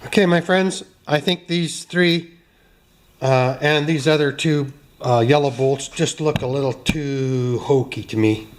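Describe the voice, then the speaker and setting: In a mid-range voice that runs a little slow, a man hosts a workshop video from his garage. He chats casually with viewers as he works, joking and teasing himself along the way.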